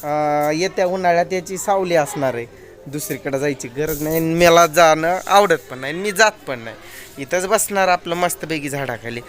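A man's voice: a little high, normal speed, a bit bright, soft background music. A man, chatting casually to viewers in a daily village vlog, filming on his phone. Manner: chatty, addresses viewers directly. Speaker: vlogger.

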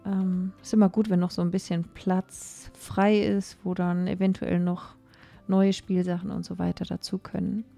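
A young woman narrates in a relaxed, chatty way, filling her pauses with little hesitations. Her voice is mellow and dark-toned. Soft music plays faintly underneath. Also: fairly low pitch, creaky. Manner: chatty, with many fillers and pauses. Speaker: cleaning vlogger. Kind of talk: casual voice-over narration.

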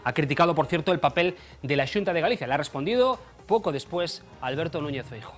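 A man reporting the news in a steady, informative scripted delivery. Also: a little high, fast talker, faint music behind.

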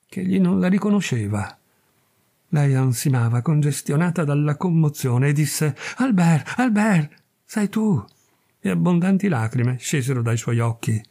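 A man narrating a classic short story in a measured, dramatic audiobook reading. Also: medium pitch, warm tone, husky. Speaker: reader, narrator.

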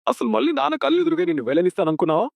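A man's voice: very high-pitched, big pitch swings, racing, vocal fry, dry recording, full character voice. An actor playing a hot-tempered, domineering elder brother who scolds and threatens his sister in a TV serial. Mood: furious. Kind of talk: TV serial acting. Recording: dull lo-fi dry sound.

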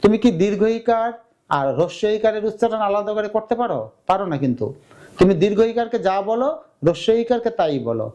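A man's voice: high voice, expressive, quick pace, darkish tone. A young man teaching a grammar lesson for exam preparation, explaining step by step and asking his students questions he then answers himself.

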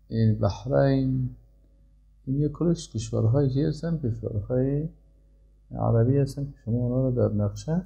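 A man teaching an Arabic grammar lesson. He reads Arabic sentences slowly and then explains them. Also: medium pitch, gravelly, dark tone, highs cut off. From Afghanistan.

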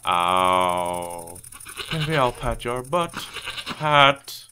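A man hosting a comedic game commentary video, goofy and excitable, chatting to the characters on screen. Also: medium pitch, unhurried, background noise. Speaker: gaming video host. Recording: game music playing behind voice. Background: game music.

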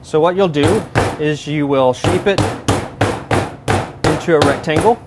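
Heavy background noise surrounds this chef's lapel-mic recording in a large professional kitchen. A man in his thirties with a slightly high voice, he speaks a bit slowly, giving steady step-by-step instruction in a cooking demonstration.

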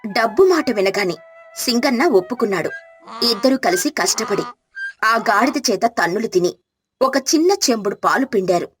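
A woman narrating a village moral story in a scripted storybook style, with clear, even delivery. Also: medium pitch.

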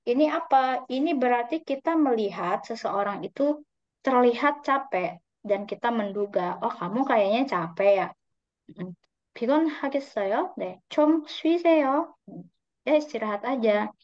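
Teacher's slightly high voice on a dull call. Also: female voice, lively intonation, dry recording. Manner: patient, drawn-out model pronunciations. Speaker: Korean language teacher. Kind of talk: online class explaining grammar. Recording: dry, slightly dull online call audio.

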